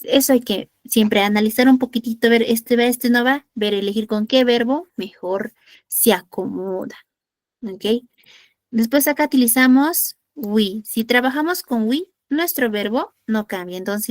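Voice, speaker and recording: A woman's voice: mid-range voice, no room sound. A woman from Peru teaching an online English class, patiently checking in with the students and asking rhetorical questions.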